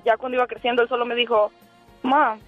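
A woman's voice: fairly high pitch, little pitch movement, quick pace, faint music behind. A woman in her forties calling in by phone, nervous and giggly, telling a story in a rambling way with many restarts. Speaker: caller. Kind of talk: phone-in call, chatty storytelling. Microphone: telephone. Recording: tinny phone line.

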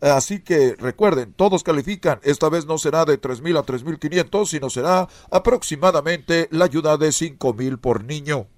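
A man's voice: on the high side, normal speed, hardly any pauses, no room sound, lightly acted. A man playing a TV news anchor making an announcement. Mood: announcing.

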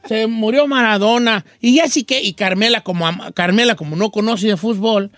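A man's voice: high voice, normal speed, a bit bright, no echo. A man hosting a comedic radio show, teasing and playful, often stumbling over his words. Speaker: radio host.

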